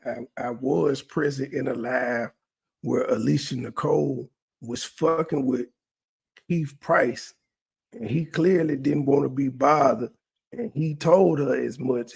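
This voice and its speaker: Man, reaction host, gravelly husky voice, blunt profane mockery. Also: mid-range voice, a little mellow. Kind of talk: mocking reaction commentary.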